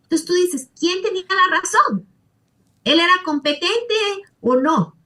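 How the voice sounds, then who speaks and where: High-voiced, animated woman therapist. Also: unhurried. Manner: animated storyteller, acts out quotes. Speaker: therapist, guest. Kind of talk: conversational interview.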